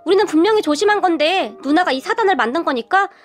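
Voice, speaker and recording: A woman narrating a family story in the style of a radio story, with expressive delivery. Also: very high-pitched, quick pace.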